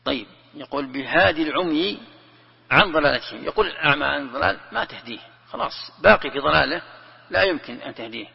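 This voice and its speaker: A man, a sheikh, giving a classroom commentary lesson, who repeats his phrases and recites verses slowly and deliberately. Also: on the high side, lively intonation, vocal fry, slightly rough. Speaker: sheikh teaching Quran commentary. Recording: long hall reverb, dull lo-fi sound.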